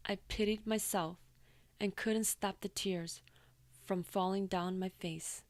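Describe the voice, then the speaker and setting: A woman reading a first-person true story aloud with steady narration, raising her voice a little for quoted lines. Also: mid-range voice, dry recording.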